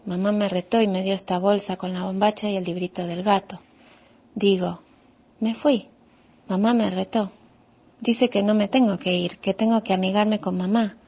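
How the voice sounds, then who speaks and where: A woman with an Argentine Spanish accent reads her children's story aloud, her voice soft and a little husky. She keeps her delivery calm and measured, narrating as a small child in short, simple sentences. Her pitch sits in an ordinary middle range. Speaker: author reading her own book. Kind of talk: storybook reading.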